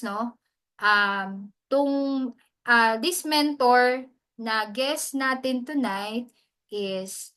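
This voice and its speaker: Bright-voiced Filipina mentor, chatty. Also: female voice, fairly high pitch. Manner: chatty, mixes English into Tagalog, often adds "mens". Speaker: hosting mentor. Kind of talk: casual teaching talk.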